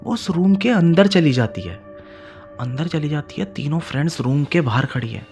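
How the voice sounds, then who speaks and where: A man narrating a horror story in a dramatic way, repeating phrases and swinging between loud emphasis and hushed lines. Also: fairly high pitch, expressive, moderate pace, soft background music.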